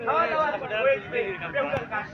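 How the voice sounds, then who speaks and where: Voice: high-pitched, quick pace, highs cut off, natural voice. An actor playing a commanding snake goddess in a folk stage drama, giving orders in formal, declamatory speech. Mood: instructing. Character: commanding snake goddess mother ordering her serpent minion. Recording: outdoor stage recording with music and crowd.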